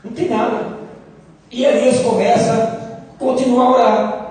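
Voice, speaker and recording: A man's voice: extremely high pitch, level tone, a little slow, distant mic. Brazilian pastor man, sore throat, preaching hard, big echoey church hall with a long reverb. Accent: Brazilian Portuguese. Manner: impassioned preaching, shouting at peaks. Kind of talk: sermon.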